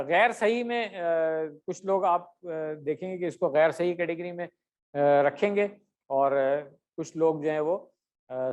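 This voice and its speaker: A man teaching an online grammar class, speaking patiently, pausing often with fillers and stretching out drill words slowly. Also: high-pitched. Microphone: computer mic on a video call with camera off.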